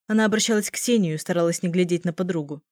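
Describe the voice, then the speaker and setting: A woman narrating an audiobook in an even storytelling manner. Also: fairly low pitch, racing, dry recording, studio quality. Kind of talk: scripted narration.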